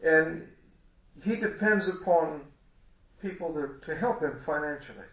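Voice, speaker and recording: Congested preacher with a folksy ramble. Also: male voice, fairly high pitch, a little slow, fairly bright tone, reverberant. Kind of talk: sermon.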